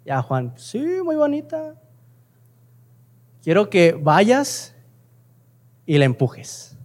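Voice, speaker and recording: A man voicing God as a calm, fatherly figure who instructs a believer in a sermon story. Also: high-pitched, very slow, voice pushed down, exaggerated voice.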